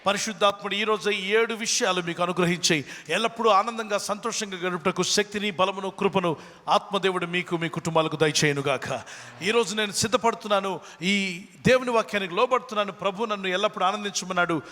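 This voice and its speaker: A man's voice: high voice, fairly quick, pushed and bright. A man preaching a sermon earnestly, with homely examples, who builds into fervent prayer. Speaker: pastor. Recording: long hall reverb with faint music.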